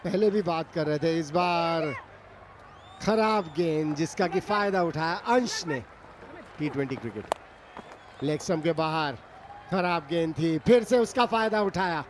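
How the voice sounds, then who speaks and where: A man's voice: on the high side, a little slow, a crowd in the background, background noise. A man giving Hindi cricket commentary as a match commentator.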